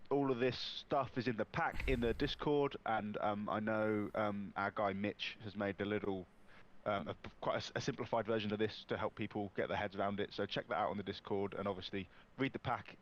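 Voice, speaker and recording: Lo-fi, upbeat low-voiced man. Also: fairly even intonation, brisk. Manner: chatty and upbeat, with bantering asides. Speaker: co-host. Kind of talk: casual live-stream chat.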